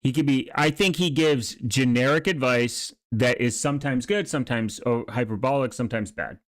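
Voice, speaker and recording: A man with a mid-pitched voice rambles through casual commentary. He is halting, often abandoning a thought and starting it again. The sound is dry, with no room echo. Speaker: streamer reacting to online videos and channels.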